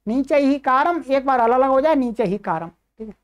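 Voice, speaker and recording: High-voiced woman teaching grammar. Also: lively intonation, normal speed. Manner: recites rules, then explains them plainly. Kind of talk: online grammar lesson.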